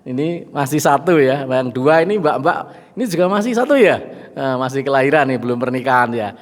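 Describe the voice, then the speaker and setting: A middle-aged man with a Javanese accent preaching a lively sermon to a gathering, chatting with and joking with the audience. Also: mid-range voice, fairly quick. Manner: lively, mixes in Javanese phrases and jokes with the audience. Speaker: Islamic preacher. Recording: long hall reverb.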